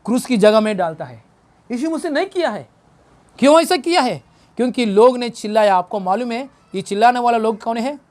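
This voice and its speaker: A man's voice: very high voice, lively intonation, brisk, darkish tone. Man preaching with call-and-response. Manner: call-and-response preaching, repeats phrases, quizzes the congregation. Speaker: pastor. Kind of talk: Good Friday sermon. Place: church service.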